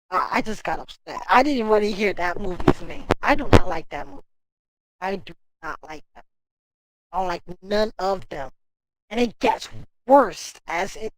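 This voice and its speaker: A woman's voice: medium pitch, dry recording, rough recording. A woman livestreaming from home, ranting in casual talk, swearing and speaking straight to her chat. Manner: animated, profane ranting.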